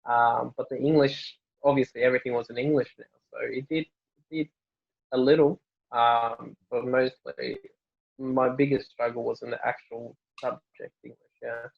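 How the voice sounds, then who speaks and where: A young native Norwegian who works as a family doctor responds to an interview in a relaxed, filler-heavy manner, often restarting. His voice is gravelly and medium-pitched at a normal speed, recorded with lo-fi sound.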